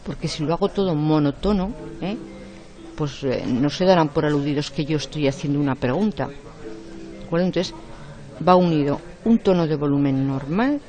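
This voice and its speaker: A woman giving an online lecture in a strong, forceful voice. She explains step by step and keeps adding quick tag questions. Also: low-pitched, faint music behind.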